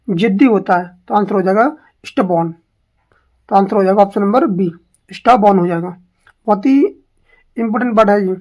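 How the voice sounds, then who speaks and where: A woman teaching an exam practice lesson, reading English questions out slowly and then explaining quickly in Hindi, repeating each answer and asking herself questions. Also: mid-range voice, a little mellow.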